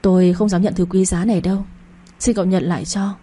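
A woman's voice: lowish voice, steady tone, quick pace, dark tone, husky. A woman giving earnest, heartfelt first-person narration of a story.

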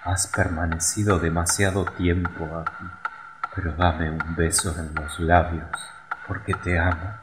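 A man voicing a gentle, loving statue prince in a storybook reading, speaking quietly and tenderly. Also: low voice, flat delivery, unhurried, roomy sound, background noise.

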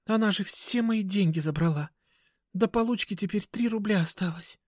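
A man voicing a distraught young woman who shouts and is close to tears. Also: high-pitched, moderate pace, dry recording, voice pushed up. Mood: tearful.

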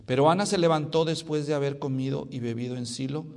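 Animated male preacher in a reverberant hall. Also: a little high, fast, vocal fry. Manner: animated, jokes with the congregation. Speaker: pastor. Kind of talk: expository sermon. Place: church sanctuary.

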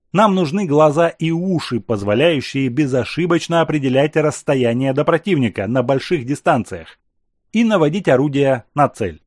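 A man voicing a calm, authoritative emperor who questions his officers and lays out plans in a measured, explaining manner. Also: a little high, dry recording, clean studio sound.

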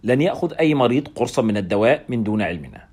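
A man reading the lines of a weary, self-assured male doctor, making calm, measured proposals. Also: medium pitch, slightly rough.

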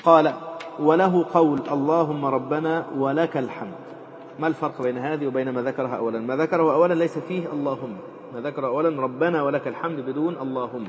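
Fast-talking man teaching in a hall. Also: medium pitch, a little hiss or hum. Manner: rapid, repeats and quotes phrases, frequent fillers. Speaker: Islamic jurisprudence teacher. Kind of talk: explaining a legal text. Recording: dull lecture recording with long reverb.

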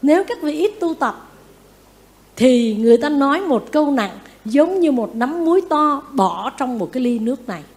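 A Buddhist nun giving a lively dharma talk, often asking her listeners questions and acting out what people say. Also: sits high, normal speed. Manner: lively, asks the audience questions, acts out quotes. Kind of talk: sermon.

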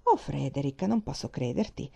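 A woman's voice: extremely low pitch, animated, normal speed, creaky, warm tone, husky, pitched below the performer's own voice, full character voice. A woman reading as a forthright navy wife. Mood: arguing.

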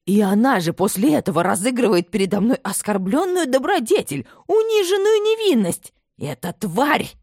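A woman voicing an imperious, domineering aristocratic mother who scolds in a shrill, commanding tone. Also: sing-song, moderate pace, a little mellow, no echo, studio quality. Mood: furious.

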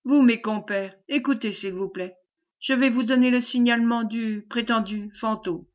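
Woman reader doing a curt, greedy knight giving orders; slightly high, muffled audio. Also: fairly even intonation, moderate pace, lightly acted. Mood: commanding. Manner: brusque, ordering. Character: commanding male knight, greedy and stubborn.

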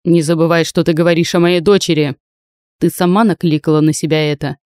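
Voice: medium pitch, little pitch movement, fairly quick, darkish tone, clear, resonant tone, no room sound, clean studio sound, lightly acted. A reader doing a harsh, domineering noble uncle. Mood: cold, domineering. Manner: harsh, imperious, barks orders. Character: stern commanding noble uncle, older man.

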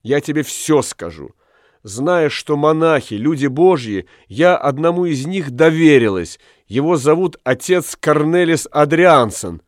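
A man reading aloud voices a devoted young wife in a storybook, soft and pleading. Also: a little high, expressive, unhurried, no room sound, clean studio sound. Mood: quiet pleading.

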